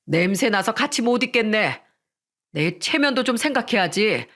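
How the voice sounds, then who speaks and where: A woman's voice: mid-range voice, a bit bright, close to an everyday voice. A woman voicing an arrogant, sneering male surgeon who belittles his sick wife in a dramatized story. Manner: sneering, condescending.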